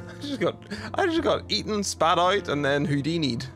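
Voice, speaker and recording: A man's voice: on the high side, big pitch swings, moderate pace, over music. A man giving casual let's play commentary, chatty and rambling, laughing easily as he reacts to the game. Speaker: streamer.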